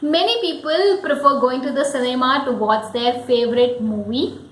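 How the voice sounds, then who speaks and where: A woman's voice: high voice, normal speed, reverberant, poor audio. A woman giving a careful pronunciation lesson, spelling words out letter by letter. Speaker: English teacher.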